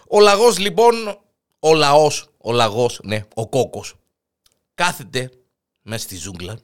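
A man with a Cypriot Greek accent telling a joke as the show's host, in an animated, rambling way. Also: medium pitch. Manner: animated, rambling, restarts words. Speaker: joke teller. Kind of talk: comic storytelling.

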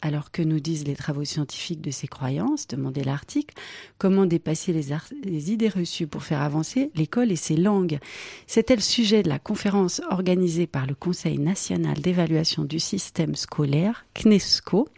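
Wry, gravelly-voiced woman presenter. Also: deep voice, moderate pace, dark tone, no echo. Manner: wry asides, light laughs. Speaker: radio press review presenter. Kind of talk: scripted press review with asides.

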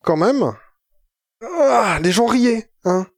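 A man's voice: high voice, animated, drawn-out words, creaky, no echo, clean studio sound. A young man co-hosting a casual podcast chat, rambling and playful with mock-philosophical asides. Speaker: podcast co-host.

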